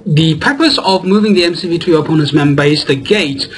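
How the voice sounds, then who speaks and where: A young man with a slightly high voice casts a strategy game match. He rambles, repeats and corrects his words, and lifts with excitement when a play surprises him. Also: a little fast, slight background noise, rough recording. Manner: gets excited at surprising plays. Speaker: game commentator. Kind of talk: casting a video game match.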